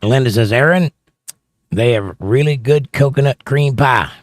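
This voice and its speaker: A man of medium pitch reads out live chat on his casual stream at a measured pace, commenting as he goes. His studio mic sits close to his mouth, and the sound has no echo.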